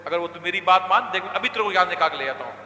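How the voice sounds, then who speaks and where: A man's voice: animated, full character voice. A man doing a sly coaxing devil. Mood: gloating. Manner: coaxing, hushed and lower than his own voice. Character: sly male devil whispering temptations. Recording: echoey hall reverb.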